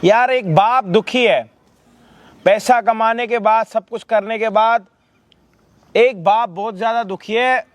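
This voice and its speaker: A man's voice: sits high, slow pace, pauses often, dry recording. A male host staging a street confrontation, scolding and mocking with abusive words.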